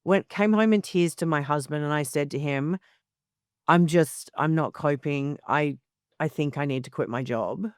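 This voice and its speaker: A woman in her forties, a journalist guest on a podcast, telling stories frankly and with lively energy. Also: low voice, normal speed, no room sound, clean studio sound. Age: 40s. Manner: animated storyteller, frank and swearing. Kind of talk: candid casual interview.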